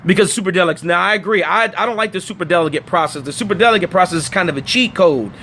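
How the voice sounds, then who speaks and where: A man hosting a casual political livestream from his phone, emphatic and animated, talking straight to his viewers. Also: high voice, rapid-fire, slight background noise. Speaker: livestream host.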